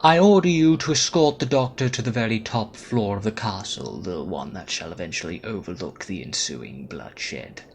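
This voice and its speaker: An actor playing a domineering, haughty villain mastermind in a sci-fi fan audio drama, with theatrical delivery. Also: male voice, fairly low pitch, lively intonation, normal speed, few pauses. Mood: commanding. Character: domineering, impatient, grandiose male arch-villain mastermind. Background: faint music.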